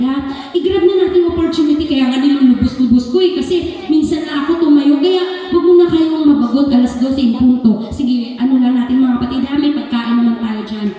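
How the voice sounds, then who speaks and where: Lady preaching, high warm voice, chatty, talks to the church folks a lot, super echoey hall. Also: lo-fi sound. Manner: conversational, mixes in English, keeps addressing the congregation. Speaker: lay preacher. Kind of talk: sermon. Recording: echoey hall, recorded from far off.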